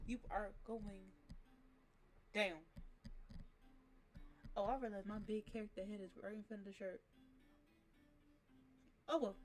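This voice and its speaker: A woman's voice: medium pitch, steady tone, a little fast, long pauses, a little mellow, soft background music. A woman playing a game on video, reading the dialogue aloud and joking in casual slang. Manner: playful slangy banter, reads game lines aloud. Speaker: gaming video creator. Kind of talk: let's play commentary with read-aloud dialogue.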